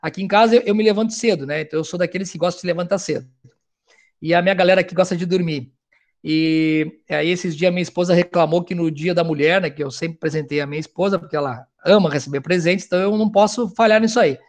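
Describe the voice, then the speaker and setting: A middle-aged man, a family counselor giving a loud, animated talk to parents. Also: high-pitched, fast. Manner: loud, animated, talks of speaking loudly.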